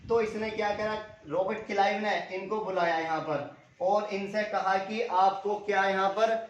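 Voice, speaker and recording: Male tutor, high voice, quizzing style; dull lo-fi recording in a boomy room. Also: fairly even intonation, moderate pace. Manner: asks questions and answers them himself, repeats key names. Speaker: teacher. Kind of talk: exam-prep history lecture. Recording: echoey room, dull lo-fi sound.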